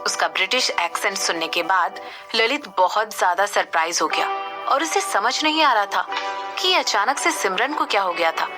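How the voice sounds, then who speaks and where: A woman narrating a romance audio story in a steady, expressive storytelling manner. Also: medium pitch, normal speed. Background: background music.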